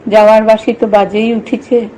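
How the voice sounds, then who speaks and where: A woman's voice: on the high side, level tone, moderate pace, warm tone, muffled recording, a little hiss or hum, close to an everyday voice. A woman voicing a teasing old village milkwoman who talks in rustic dialect and scolds in banter.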